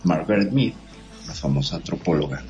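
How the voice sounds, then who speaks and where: A man hosting a talk show, explaining things in a measured, academic way. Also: low voice, expressive, warm tone. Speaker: host. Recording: dull lo-fi sound with faint music.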